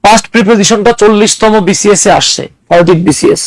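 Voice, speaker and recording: A man's voice: high voice, fairly quick, dry recording, poor audio. A man teaching an English grammar class, explaining with everyday examples and putting questions to his students. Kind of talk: classroom lecture.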